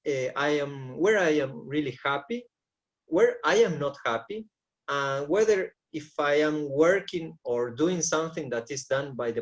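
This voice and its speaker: Pria Argentina berusia 40-an bersuara agak tinggi, tenang dan sungguh-sungguh sebagai pelatih. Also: male voice, fairly high pitch. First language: Spanish. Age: 40s. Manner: earnest, repeats words while searching for phrasing. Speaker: shamanic coach. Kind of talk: interview answers.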